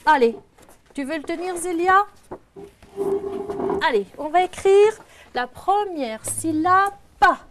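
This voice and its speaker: A high-voiced woman teaching young children to read, asking one patient question after another. She sounds out each syllable slowly and clearly. The recording picks up a lot of classroom noise. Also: animated. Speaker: primary school teacher. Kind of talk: guiding a reading lesson with young children.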